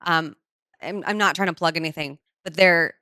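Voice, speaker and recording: A woman's voice: on the low side, normal speed, pushed and bright, no room sound, studio quality. A woman speaking on a panel to a live audience, chatty and full of fillers. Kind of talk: casual talk to a live audience.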